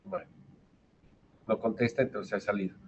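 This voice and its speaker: A man's voice: on the low side, very animated, normal speed. A man with a Bolivian Spanish accent giving an online medical lecture, explaining step by step and often restarting his words. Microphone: video call. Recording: dull lo-fi video call audio with faint noise.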